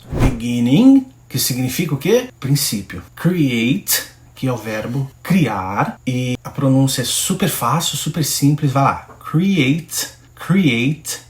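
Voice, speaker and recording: A man from Brazil leads an English lesson drawn from Bible verses, talking straight to the viewer and urging them to practice. His voice sits a little high for a man, and the room throws back a noticeable echo. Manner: animated, coaching, direct address to viewer. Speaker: English teacher.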